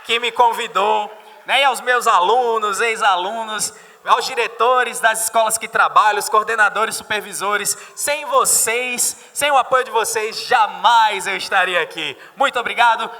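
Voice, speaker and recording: Brazilian man, English teacher at a live class, high and very bright voice, reverberant hall. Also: moderate pace. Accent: Brazilian Portuguese. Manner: mixes English phrases into Portuguese explanation, asks students questions. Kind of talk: live exam-prep class.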